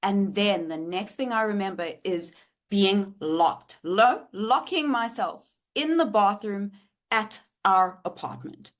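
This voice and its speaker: A woman's voice: medium pitch, slow. A woman, telling a candid storytime vlog and swearing freely. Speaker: vlogger.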